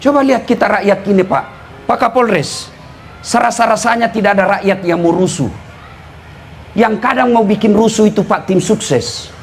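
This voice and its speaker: A man from eastern Indonesia with a lilt, preaching a humorous sermon to a live audience, teasing and often shouting and laughing. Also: high-pitched, moderate pace, a little hiss or hum. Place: live event before an audience.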